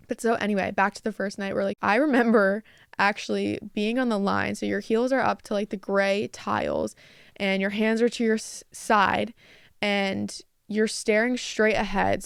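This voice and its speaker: A woman's voice: medium pitch, creaky, clean tone, dry recording, studio quality. A young woman hosting a podcast, telling a personal story in a chatty way, filling her talk with "like" and acting out quoted dialogue. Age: young adult. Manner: chatty, lots of "like" fillers, quotes people in dialogue. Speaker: podcast host. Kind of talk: casual storytelling.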